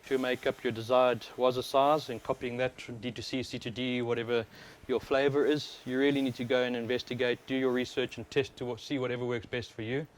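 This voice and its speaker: Speaking fairly quickly with few pauses, this South African overclocker hosts a live stream in a medium-pitched voice. He keeps his commentary relaxed, informal and explanatory, captured on a wireless mic worn on his body, and there's a steady hum of background noise in an otherwise clear recording.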